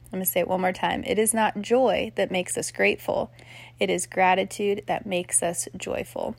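A woman's voice: medium pitch, fairly even intonation, normal speed, creaky, no room sound. A woman hosting a podcast, talking casually and earnestly to her listeners, recorded on her phone from her bed at home. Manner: earnest, encouraging, gushing thanks. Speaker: podcast host. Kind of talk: casual heartfelt chat.

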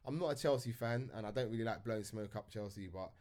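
A man's voice: fairly low pitch, quick pace, a little mellow. A man hosting a casual football podcast, chatty and often asking "you know what I mean". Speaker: podcast host.

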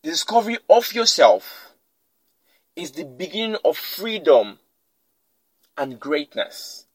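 A man's voice: a little high, sing-song, slow, husky, no room sound, poor audio. A man hosting a motivational podcast, speaking emphatically and repeating his key lines for effect. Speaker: podcast host. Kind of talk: motivational talk.

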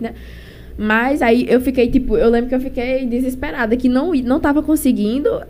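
A young woman with a Northeastern Brazilian accent, a singer being interviewed, tells her story in a casual, chatty, colloquial way while suffering from a cold. Her voice sits a little high with a darkish tone, and there's a faint hiss or hum in the audio.

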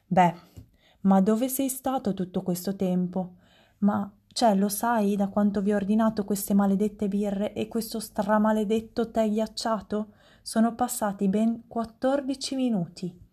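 A woman's voice: medium pitch, fairly even intonation, measured pace, dark tone, natural voice. A woman voicing an impatient older male marquis who scolds, in a read-aloud storybook. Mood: scolding.

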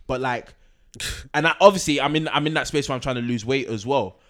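A young man with a London roadman accent, chatting casually in animated, repetitive, slangy storytelling. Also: mid-range voice, fairly quick. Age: young adult. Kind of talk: casual chat.

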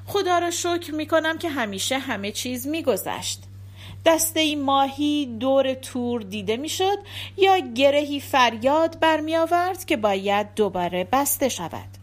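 A woman with a slightly high voice reads an audiobook aloud in the first person. Her delivery is measured and calm, the way a practiced narrator handles a long novel.

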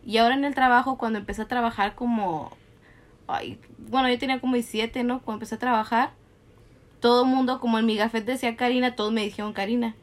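Young woman co-host, higher-pitched, chatty storyteller who backtracks mid-sentence. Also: fairly even intonation, fast. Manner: rambling storyteller, frequent self-corrections. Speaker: podcast co-host. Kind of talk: casual chat.

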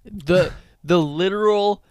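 A man's voice: high-pitched, slow pace, darkish tone, clean tone. A man hosting a podcast in casual chat, with short, slangy remarks. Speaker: podcast host.

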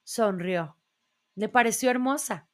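Woman reading a kids storybook out loud, slow and gentle, bit high. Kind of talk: reading a children's storybook aloud.

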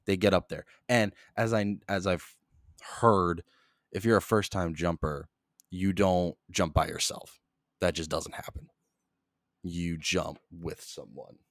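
Close to the mic with no room sound, a young podcast host flying solo speaks in a low voice. His talk is a rambling, flat monotone, heavy on swearing and scattered across topics.

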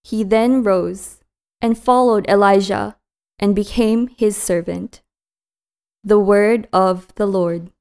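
Woman, scripture reader, slow pace, crisp resonant voice, solemn, measured liturgical delivery. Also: mid-range voice, steady tone, a little mellow. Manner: solemn, measured, carefully phrased. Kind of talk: liturgical scripture and psalm reading.

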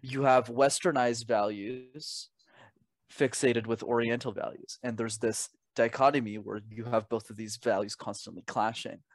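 Steady in tone and delivered at normal speed, this dry recording captures a young Canadian man with a mid-range voice. As an interview guest and communication coach, he gives conversational advice and recounts anecdotes, speaking emphatically and articulately and frequently asking rhetorical questions.

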